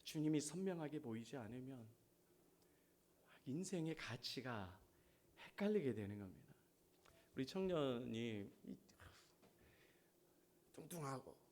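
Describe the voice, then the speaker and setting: A middle-aged male pastor preaching a sermon, asking the congregation questions and swinging between loud exhortation and quiet asides. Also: mid-range voice, animated, a little slow, pauses often.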